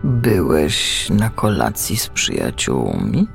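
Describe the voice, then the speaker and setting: A man voicing a fussy, orderly father humpback whale, asking slow careful questions in a storybook. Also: extremely low pitch, huge pitch swings, gravelly, soft background music, pitched below the performer's own voice, heavily acted. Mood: questioning.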